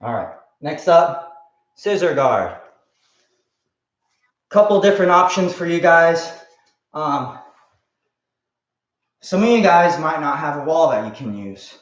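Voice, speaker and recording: A man coaching a kids' jiu-jitsu class, explaining casually and calling out drills in short, sharp martial arts commands. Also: a little high, lively intonation, takes it slowly, long pauses. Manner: casual, explanatory, frequent "right?" check-ins. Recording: muffled, roomy lo-fi class livestream.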